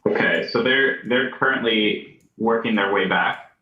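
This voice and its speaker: A man's voice: lowish voice, a little slow. A man casually playing a tabletop game, curious and easygoing. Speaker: player. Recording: echoey, dull lo-fi mic.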